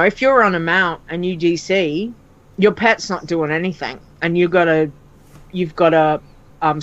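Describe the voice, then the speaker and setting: A woman's voice: on the low side, muffled recording. A woman from Australia co-hosting a casual gaming podcast, chatty and laughing often. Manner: chatty, laughs often, acts out in-game dialogue. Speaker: podcast co-host. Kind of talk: casual chat about a video game.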